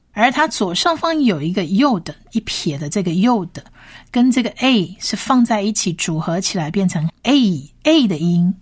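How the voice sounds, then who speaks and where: A woman teaching biblical Hebrew to radio listeners, reading words slowly and repeating each sound carefully. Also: mid-range voice. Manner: slow, careful syllable-by-syllable pronunciation drills. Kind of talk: radio-style language lesson.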